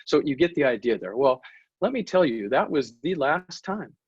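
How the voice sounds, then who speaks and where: A man's voice: fairly high pitch, normal speed, husky, dry recording, highs cut off. A man, a dentist, giving an online continuing-education talk that leans on stories, acting out office conversations as he goes. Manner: animated, acts out office dialogue in stories. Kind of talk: online lecture with storytelling. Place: at home, away from the office. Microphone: webinar computer mic.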